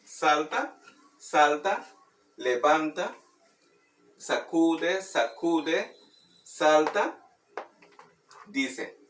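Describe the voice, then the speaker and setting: A man teaching Maya words through a children's song, speaking slowly and patiently and repeating words for practice. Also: fairly high pitch, a bit bright. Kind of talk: explaining and demonstrating a children's song. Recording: roomy, distant mic, faint background noise.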